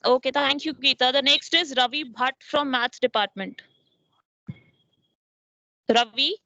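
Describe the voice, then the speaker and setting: A woman's voice: high-pitched, unhurried, gravelly, sharp tone, dry recording. A woman moderating an online session with brief announcements, calling on speakers. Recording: dull lo-fi online call audio.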